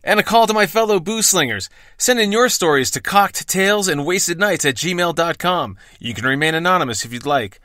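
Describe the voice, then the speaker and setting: An American man hosts with brash, wry patter in a scripted sign-off style. His voice is bright and forceful, on the high side, and recorded very dry. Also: lively intonation, brisk, hardly any pauses, no room sound. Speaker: bartender and podcast host. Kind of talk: scripted podcast intro and outro.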